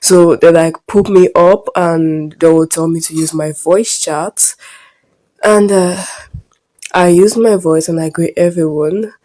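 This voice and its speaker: Soft-spoken Nigerian teen girl, mellow. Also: on the low side, steady tone, slow. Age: late teens. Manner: rambling and hesitant, often trailing off quietly. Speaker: vlogger. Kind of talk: casual storytime vlog.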